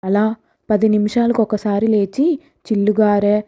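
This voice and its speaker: A woman narrating a village ghost story in a calm, matter-of-fact storytelling way. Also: medium pitch, moderate pace.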